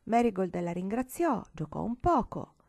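Expressive woman reading a storybook. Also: mid-range voice, normal speed, gravelly. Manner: expressive, sometimes dropping to a whisper. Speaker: audiobook reader.

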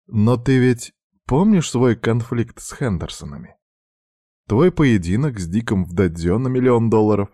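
A cold, stern headmistress in an audiobook scene, measured and lecturing, as a man reads her. The slow delivery sits in a dark, dry voice. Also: medium pitch, very animated, no room sound, voice pushed up. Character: cold, stern middle-aged woman school director.

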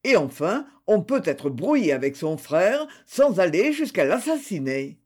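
A man's voice: high voice, sing-song, unhurried, heavily acted. A man voicing an accused man who protests his innocence, vehement and indignant.

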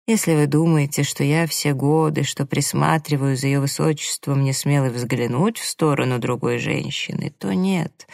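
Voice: mid-range voice, creaky, a little mellow, dry recording, studio quality. A reader voicing a condescending man who coaxes his secretary in an audiobook. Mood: insinuating. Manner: coaxing, slow, smirking. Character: male employer, smooth seducer, condescending. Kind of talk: audiobook character reading.

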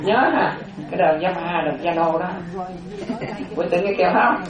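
A Buddhist monastic teaching a dharma class, slowly repeating terms for note-taking, with chatty asides. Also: mid-range voice, a crowd in the background. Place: classroom with a board. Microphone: distant room microphone. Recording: roomy, distant, dull lo-fi room recording.

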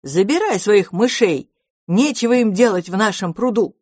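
A woman voicing a group of bossy, greedy mermaids in a storybook reading, complaining in high voices. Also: animated, normal speed, darkish tone, dry recording, studio quality, close to an everyday voice. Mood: grumpy. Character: several bossy, greedy mermaids, grumpy and cheeky.

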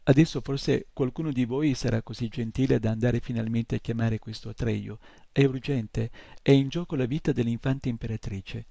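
Guy reading as grumbly impatient old centaur doc, gravelly dark voice, dry sound. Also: mid-range voice, steady tone, moderate pace, no echo. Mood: gruff. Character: old male centaur healer, impatient and gruff. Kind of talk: audiobook reading.

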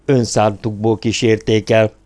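A man's voice: on the low side, level tone, a little mellow, lightly acted. A man voicing a stiff, formal male guard captain who speaks in clipped reports. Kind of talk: audiobook character voice.

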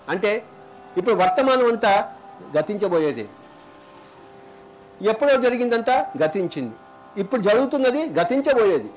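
A man with a Telugu accent giving a spiritual talk, asking rhetorical questions and repeating lines for emphasis, sometimes chanting verses slowly. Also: high-pitched, a little mellow. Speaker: spiritual teacher. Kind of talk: spiritual discourse.

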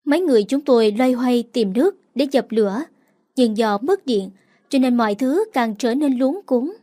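A woman's voice: on the high side, moderate pace. Woman reading a dramatic story aloud. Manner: steady storytelling, quoted lines acted with emotion. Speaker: narrator. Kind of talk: first-person story reading.

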